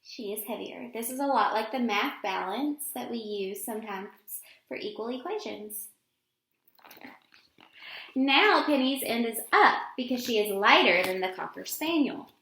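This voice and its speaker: In an echoey indoor room, a woman teacher at an elementary school reads a picture book aloud to young children, adding simple explanatory asides. Her voice is a little high and fairly bright, and she reads expressively at an unhurried pace.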